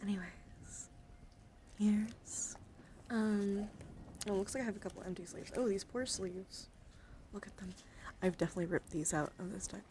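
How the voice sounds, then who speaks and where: On her live card-collection stream, a soft-spoken woman at medium pitch and a moderate pace shows and tells in a casual ASMR format, leaving long pauses. She frequently slides into whispers and rambles informally, tossing in playful asides, with clear handling sounds and background noise.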